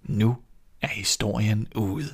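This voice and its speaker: A man reading a fairy tale aloud in a measured, expressive narrating manner, as host of a storytelling podcast. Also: lowish voice, vocal fry, husky.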